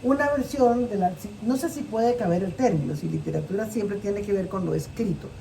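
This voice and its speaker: A woman with a Costa Rican accent, a storyteller telling folk tales in a playful, animated way. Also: medium pitch, fairly quick, creaky. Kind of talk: oral folk-tale telling. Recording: distant mic with faint noise.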